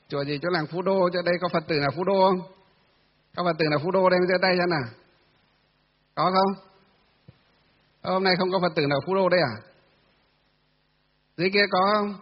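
A monk with a high, husky voice gives a sermon, asking questions and answering them himself, pausing often on filler sounds. The recording sounds dull and distant, with a long echo in a temple hall. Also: male voice. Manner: many filler sounds, halting delivery. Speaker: Buddhist monk teacher. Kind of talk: dharma talk.

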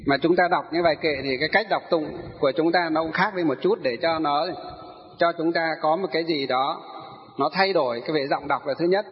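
A man's voice: fairly high pitch, brisk. A man giving a Buddhist dharma lecture, explaining scripture patiently and posing rhetorical questions that he answers himself. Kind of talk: sutra lecture. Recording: dull recording with long hall reverb.

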